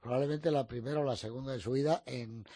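A man, a journalist, telling lively anecdotes in casual radio chat. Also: medium pitch, fast, dry recording, studio quality.

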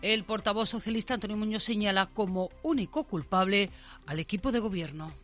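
Female radio newsreader, brisk and bright. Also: medium pitch, soft background music. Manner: brisk, conversational news delivery. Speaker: radio news presenter. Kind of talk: radio news bulletin. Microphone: studio microphone.

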